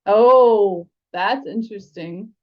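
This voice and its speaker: An American podcast co-host and audiobook reader takes her time, speaking at a medium pitch as she reads stories aloud and chats about books on a fan podcast. The recording has its highs cut off.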